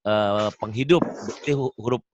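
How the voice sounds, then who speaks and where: A man's voice: fairly low pitch, normal speed, no echo, lo-fi sound. Male Quran tutor, patient and jokey, dry close-miked sound. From Indonesia. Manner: patient, joking, tells anecdotes. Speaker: Quran reading teacher. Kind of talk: one-on-one online lesson.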